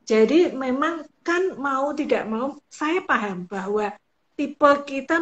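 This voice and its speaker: A woman giving patient, explanatory advice as a guest counselor in a live-stream talk. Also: mid-range voice. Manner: patient, explanatory, acts out example phrases. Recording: dull lo-fi live-stream audio.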